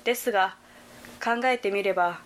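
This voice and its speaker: A woman's voice: medium pitch, slight background noise. Young woman reading a report aloud. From Hyogo Prefecture, Japan. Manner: careful, measured reading. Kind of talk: scripted narration.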